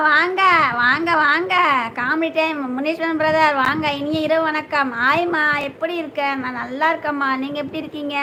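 A woman's voice: sits high, pushed and bright, a little hiss or hum. A young woman hosting a casual live stream, greeting viewers by name and asking whether they have eaten.

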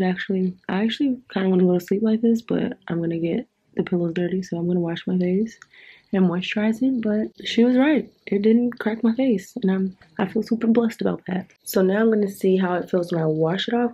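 A woman's voice: lowish voice, dark tone, slightly rough, highs cut off. A woman chatting playfully in casual slang as she films a beauty vlog in a hotel room on a camera mic. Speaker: beauty vlogger.

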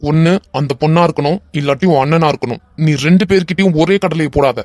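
A man's voice: a little high, quick pace, no echo, lightly acted. A man with a Kanyakumari Tamil accent voicing an exasperated young married man in a cartoon, scolding his friend sharply and sounding worn out. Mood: angry. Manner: sharp, scolding, then weary and worried. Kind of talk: animated web cartoon voice acting.

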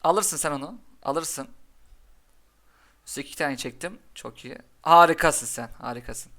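Bright-voiced young man commenting gameplay. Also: on the high side. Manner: excitable, cheering and scolding the game in quick bursts. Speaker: gaming commentator.

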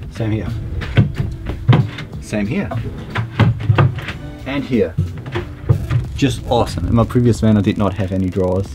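Young man, casual van vlog, chatty and relaxed, small wood-panelled van interior, camera mic. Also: lowish voice. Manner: relaxed, chatty, many fillers. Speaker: vlogger building a camper van.

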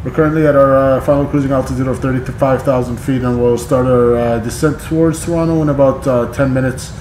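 A man speaks as an airline captain addressing the cabin over the speakers, brisk and formal. His quick delivery carries echo and steady loud background noise. Filler pauses break up the announcement. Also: medium pitch. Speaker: flight sim streamer.

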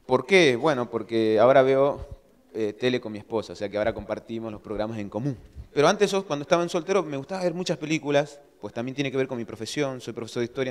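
Animated pastor in an echoing church hall. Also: male voice, medium pitch. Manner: animated storytelling, acts out his own shouting. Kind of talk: sermon. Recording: long church hall reverb.

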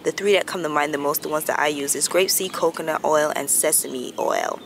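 A woman in her thirties chatting casually to her camera in a park, rambling in a relaxed way. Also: low voice, a little fast, vocal fry. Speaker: vlogger. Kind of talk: casual vlog chat. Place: outdoors in a grassy park. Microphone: camera phone held at arm's length. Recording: noisy outdoor ambience.

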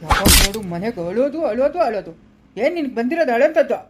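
A woman with a rural Karnataka accent, playing a harsh in-law who scolds loudly in a family drama skit. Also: fairly high pitch, expressive, fast, husky. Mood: scolding. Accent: rural Karnataka Kannada. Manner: scolding, loud and cutting.

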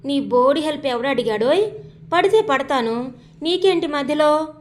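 A woman voicing a feisty, quarrelsome young woman who fires back quick retorts. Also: high-pitched, natural voice. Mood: scolding.

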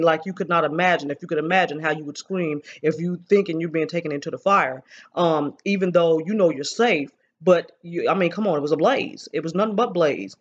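Emotional preacher man, dull lo-fi sound. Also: on the high side. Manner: emotional, intense, repeats phrases, addresses listeners as y'all. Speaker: preacher recounting a vision. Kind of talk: informal spoken testimony. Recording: dull lo-fi recording.

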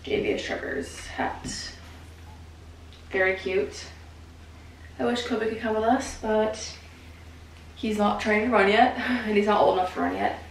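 A woman's voice: mid-range voice, fairly even intonation, unhurried, pauses often, slight background noise. A woman in her twenties chatting casually to camera at home and cooing doting baby talk to her dog. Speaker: vlogger. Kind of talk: casual vlog chat. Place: home kitchen and bedroom indoors. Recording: roomy echo with music bed. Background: background music.

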